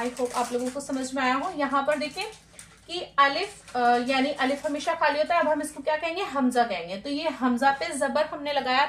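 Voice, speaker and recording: A woman with a high voice gives a patient tajweed lesson. She keeps asking questions and answering them herself, and she draws out sounds slowly to demonstrate them. The recording has a roomy echo. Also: a bit bright. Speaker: Quran recitation teacher.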